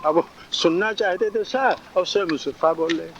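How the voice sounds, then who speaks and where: A male spiritual teacher giving a discourse, repeating phrases and chuckling often in a drawn-out teaching cadence. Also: high-pitched. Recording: dull lo-fi recording, faint noise.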